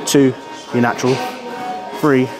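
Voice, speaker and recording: A man's voice: mid-range voice, flat delivery, unhurried. A British man in his thirties chatting casually and bluntly in a gym, coaching and motivating with plenty of swearing. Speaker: fitness vlogger and coach. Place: indoor gym. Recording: music playing behind speech.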